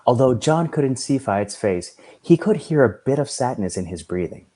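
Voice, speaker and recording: A man reading a story aloud in a measured storytelling manner. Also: medium pitch, very animated, mellow. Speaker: reader.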